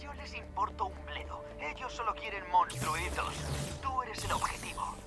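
An actor playing a shady smuggler man in a video game, talking in a curt, offhand way over loud game music. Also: high-pitched, lively intonation, normal speed. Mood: dismissive. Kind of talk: game voice acting.

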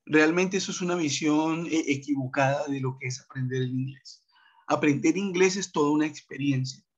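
Brief: coastal man, fairly high voice, teaching on a muffled video call, chatty with many "eh" and "¿sí?" checks. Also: normal speed. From Montería, Colombian Atlantic coast. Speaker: English teacher. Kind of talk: online class talk.

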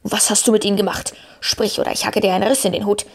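A woman voicing a gruff, hot-tempered male dwarf warrior who speaks fast and threatening. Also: medium pitch, level tone. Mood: angry.

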